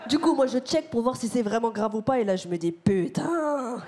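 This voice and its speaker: A woman performing a stand-up comedy set on a theater stage, talking to the crowd in an animated, slangy way. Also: a little high, fast. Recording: live theater with loud crowd noise. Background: audience laughter.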